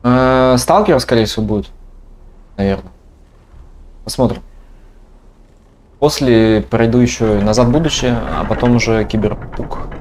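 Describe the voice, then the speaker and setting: A man's voice: medium pitch, normal speed, pauses often, darkish tone, slight background noise. Casual male game streamer. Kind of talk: casual commentary over gameplay.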